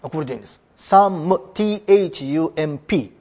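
A man explaining English vocabulary in a chatty lesson, slowing down to spell out words. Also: fairly high pitch, a little mellow. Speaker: English teacher. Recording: dull lo-fi recording.

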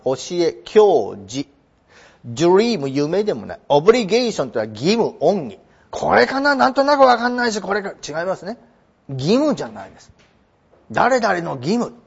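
A man teaching English in a lively lecture, his high voice leaping up and down as he stresses points. His tone is husky, and the recording sounds muffled and lo-fi. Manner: animated, emphatic explaining; reads English slowly. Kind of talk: lecture explaining an English passage.

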